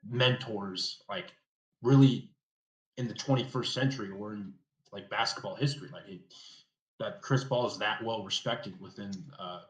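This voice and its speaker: A man co-hosting a basketball podcast, rambling with many fillers and trailing off softly. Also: on the low side, normal speed, echoey room. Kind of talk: casual sports chat.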